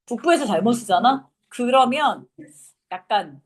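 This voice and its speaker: A woman's voice: fairly high pitch, animated, measured pace. A young woman teaching an English class, lecturing casually and quizzing her students.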